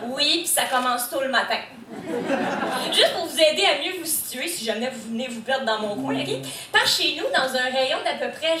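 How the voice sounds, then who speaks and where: A woman's voice: sits high, sharp tone, reverberant, far from the mic, slight background noise. A young woman from New Brunswick with an Acadian French accent, doing a stand-up comedy set to a live crowd in a brash, teasing way. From New Brunswick, Canada. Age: young adult. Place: comedy stage before a live audience.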